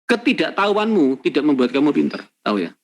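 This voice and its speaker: Guy lecturing a class, kinda high voice, keeps repeating himself and throwing in "right?" tags. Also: very animated, fairly quick. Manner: emphatic and repetitive, with many rhetorical tag questions. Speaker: university lecturer.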